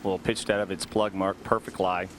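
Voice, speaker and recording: A man's voice: low voice, flat delivery, moderate pace. A man giving analysis as a golf commentator during a tournament. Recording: outdoor broadcast, clear ambient noise.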